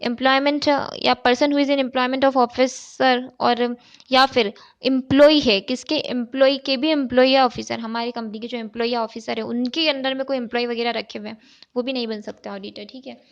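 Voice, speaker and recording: Brisk and fairly high-pitched, with fairly even intonation and some vocal fry, a woman explains chartered accountancy step by step in an exam-prep lecture. She frequently poses and answers questions and checks in with "okay." The recording is dull and lo-fi.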